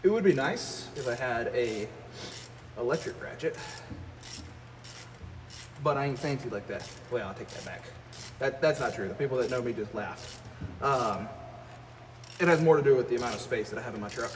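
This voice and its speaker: Workshop noise comes through clearly on this echoey, distant-mic recording of a native English-speaking American trucker who vlogs. He mutters through a casual, rambling repair in a folksy, self-deprecating manner, with a medium-pitched voice, moderate pace and long pauses.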